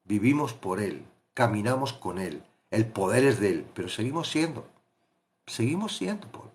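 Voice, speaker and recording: A man's voice: fairly low pitch, very animated, moderate pace. A man with a Peninsular Spanish accent teaching a Bible study, talking conversationally and asking rhetorical questions. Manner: conversational, asks rhetorical questions, acts out pleading voices.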